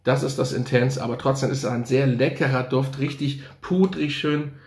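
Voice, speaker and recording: A man's voice: mid-range voice, normal speed, a little mellow, roomy sound. A man casually reviewing fragrances, enthusiastic and thinking aloud, repeating his slang praise as he goes. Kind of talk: casual unscripted product review.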